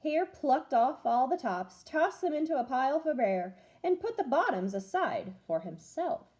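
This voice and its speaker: A woman reading a children's story aloud in an expressive, deliberate way, like a teacher with pupils. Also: high-pitched.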